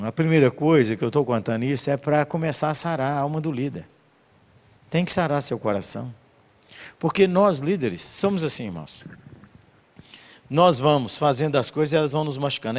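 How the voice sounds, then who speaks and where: An older man, preaching a storytelling sermon as a pastor, emotional, swinging between loud bursts and soft murmurs. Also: a little high, expressive, fairly quick.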